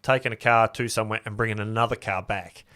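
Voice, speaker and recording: A man's voice: on the low side, fairly even intonation, moderate pace, bright, forceful tone. An Australian man, a podcast guest, telling a story in a casual, chatty way and acting out both sides of remembered conversations. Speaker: podcast guest, custom car builder.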